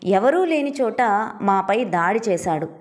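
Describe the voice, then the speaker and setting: A woman's voice: medium pitch, very animated, a little slow. A woman reading the lines of an earnest young married man who argues firmly with his mother in a storybook. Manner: firm, pleading with his mother.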